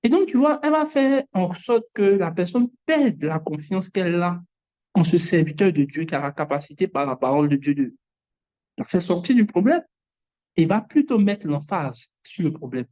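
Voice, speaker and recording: A woman preaching a sermon in a lively way, acting out the voices she quotes. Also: on the low side, normal speed. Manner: animated, mimics voices. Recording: dull lo-fi sound.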